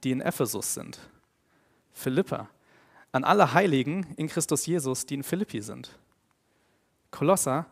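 A man preaching a sermon in an earnest tone, growing emphatic on his main points and dropping quiet and slow on key phrases. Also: medium pitch, expressive, vocal fry. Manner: earnest, grows emphatic and louder when stressing points.

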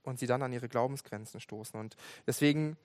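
A young man delivers a sermon in an earnest, conversational tone, often restarting and filling pauses. His voice sits at a middle pitch and is recorded dry and close, with no room around it. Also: dry recording. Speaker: preacher.

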